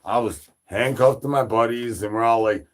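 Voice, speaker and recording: A man from Chicago chatting loosely on a livestream, profane and rambling, with plenty of fillers and shout-outs. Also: medium pitch, moderate pace. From Chicago, Illinois. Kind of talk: rambling casual stream chat.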